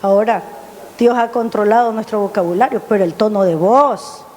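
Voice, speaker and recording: A woman pastor preaching an impassioned sermon, rising high on questions and dropping low on appeals to her listeners. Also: normal speed, a little mellow, slight background noise. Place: church. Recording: church hall with long reverb.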